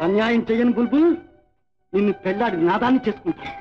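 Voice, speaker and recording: A man's voice: very high-pitched, fast talker, dull audio, soft background music. An actor playing a rich, boastful male chieftain who insists on keeping the girl he bought, in old film dialogue. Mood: possessive.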